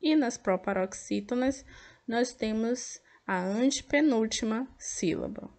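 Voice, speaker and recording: A woman teacher with a Brazilian Portuguese accent, patiently walking pupils through a workbook and sounding out each word clearly. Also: fairly high pitch, a little slow, a little mellow. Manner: patient, over-articulates words to count syllables. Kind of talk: slow classroom explanation of an activity book.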